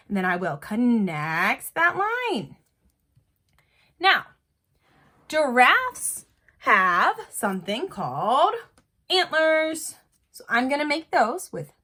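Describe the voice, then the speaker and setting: An elementary school art teacher, a woman, coaches young children through a step-by-step drawing lesson with plain, encouraging language. She speaks on the high side with a sharp tone.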